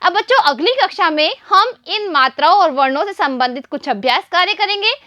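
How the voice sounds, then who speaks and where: A woman teacher giving a slow, patient lesson to small children, asking questions and then answering them herself. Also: extremely high pitch, animated, bright, forceful tone, dry recording, highs cut off. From India. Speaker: primary school teacher.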